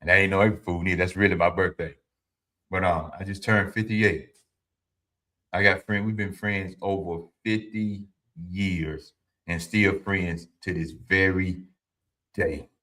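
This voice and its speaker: Deep bright-voiced man in his fifties. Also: fairly even intonation, measured pace. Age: 50s. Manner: informal and preachy, repeats his points; speaks to viewers directly, answers chat. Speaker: livestream host. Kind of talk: motivational talk to a live audience.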